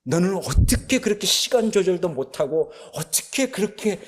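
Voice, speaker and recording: A man doing a frantic, high-pitched father. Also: a little fast. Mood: furious. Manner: pleading, agitated. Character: frantic middle-aged father begging for connections.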